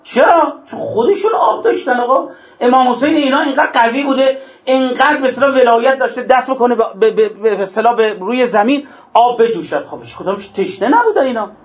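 A male preacher giving an impassioned mourning sermon, rising to exclamations and then dropping low. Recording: echoey hall.

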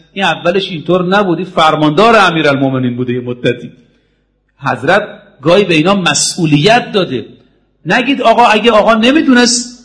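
A man preaching a sermon, emphatic, slowing down for quotations and swinging his pitch for drama. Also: fairly bright tone. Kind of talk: sermon to a congregation.

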